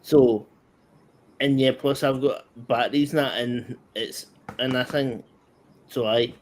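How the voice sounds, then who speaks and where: A man's voice: mid-range voice, fairly even intonation, measured pace, a little mellow. A man from Scotland with a Scottish accent, a guest in a casual group chat who speaks bluntly and keeps trailing off and restarting his sentences.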